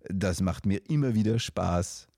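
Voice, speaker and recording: A man's voice: sits low, a little slow, creaky, mellow, no echo, clean studio sound. A man voicing a courtly French-phrased moose. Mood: polite. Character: big dark male moose, polite and playful.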